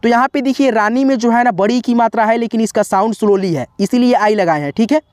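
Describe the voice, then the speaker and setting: Slow patient male tutor, dry close sound. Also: extremely high pitch, darkish tone, dry recording. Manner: slow, repetitive, spells letters out one by one; keeps addressing viewers as friends. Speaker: teacher. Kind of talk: tutorial explaining spelling on a board.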